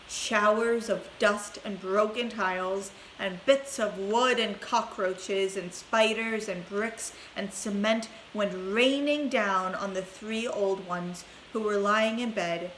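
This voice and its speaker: Woman teacher reading a class book aloud; clear, expressive, roomy sound. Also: mid-range voice. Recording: roomy echo, faint hiss.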